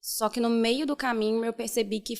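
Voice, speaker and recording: Calm woman from Minas Gerais. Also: a little high, fairly quick, vocal fry. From Minas Gerais, Brazil. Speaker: content producer. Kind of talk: casual podcast chat.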